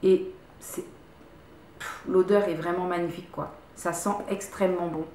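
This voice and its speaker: A woman's voice: lowish voice, steady tone, normal speed, a little mellow, reverberant, a little hiss or hum. A woman vlogger casually reviewing her favorite products at home, chatty, repeating words and stopping to restart often. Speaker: beauty vlogger. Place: room at home.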